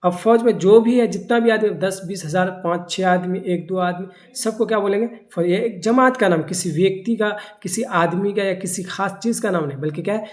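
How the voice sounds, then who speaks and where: Teacher, drilling terms. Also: mid-range voice. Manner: keeps asking rhetorical questions and answering them himself; repeats key terms slowly for emphasis. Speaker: Urdu grammar teacher. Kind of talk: classroom-style grammar lecture.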